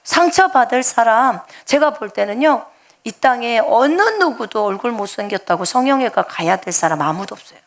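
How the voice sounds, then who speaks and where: A woman missionary preaching an afternoon sermon in a lively, joking way, speaking straight to her congregation and swinging between loud emphatic lines and soft asides. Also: a little high, moderate pace.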